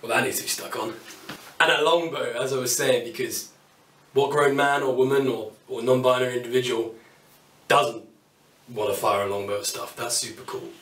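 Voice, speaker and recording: A British woodworking YouTuber in his thirties casually walks through his tools to camera, chatty and upbeat, making wry asides about his cheap kit. His middling-pitched voice is a bit bright, with fairly even intonation and a moderate pace. He stands some way from the camera mic in his small indoor home workshop, which sounds roomy and echoes around him.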